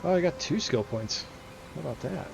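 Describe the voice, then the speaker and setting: A man's voice: a little high, lively intonation, moderate pace, creaky, over music. A man streaming a video game, chatting casually and laughing easily with his friends. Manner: easygoing, laughs often. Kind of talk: casual gaming chat.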